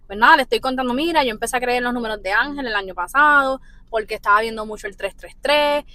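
A woman hosting a casual podcast chat, telling stories in an excitable, lively way. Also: fairly high pitch, fast, dry recording. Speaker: podcast host.

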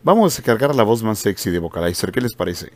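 A man's voice: fairly low pitch, sing-song, fast. A man who hosts a tech channel, chatting casually as he demonstrates screen-reader voices and explains what he hears. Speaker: tech channel and podcast host.

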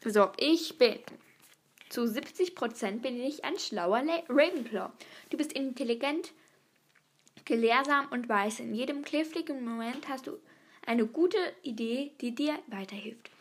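Girl reading out a quiz and answering it, fairly high voice, trips over words, slips into whispers. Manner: reads quickly, stumbles and restarts, sometimes drops to a whisper. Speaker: video host taking a quiz.

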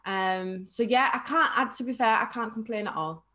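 A young woman, talking as a guest in a live online interview. Her voice sits a little on the high side, and she rambles cheerfully, with plenty of fillers and laughs. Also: normal speed, pushed and bright. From Carlisle, England. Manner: chatty, laughs often, many fillers.

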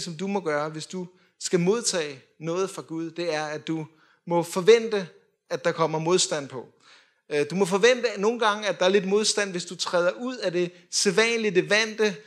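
A young man preaching a sermon in a lively way, swinging from loud calls to quiet drops. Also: high-pitched.

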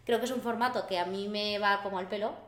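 A woman from Spain co-hosting a podcast, talking fast and chatty with restarts. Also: medium pitch, steady tone, fairly bright tone, echoey room. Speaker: podcast co-host. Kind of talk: casual chat.

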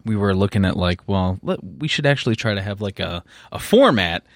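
Male co-host, animated and chatty, expressive pitch, dry booth sound. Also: fairly quick, no room sound. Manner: animated, laughs often, many fillers. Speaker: podcast co-host. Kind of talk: casual chat.

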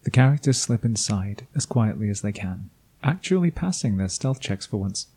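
A man's voice: fairly low pitch, expressive, normal speed, warm tone, slightly rough. A man reading a scripted recap of a tabletop campaign as game master, with dry, self-deprecating asides. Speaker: game master and podcast host.

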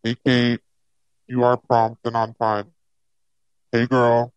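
A host talking through a voice changer that lowers the pitch into a deep robotic tone, chatting casually and upbeat in a live audio interview. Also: monotone, slow pace, smooth, no echo, lo-fi sound. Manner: chatty, upbeat, filler-heavy.

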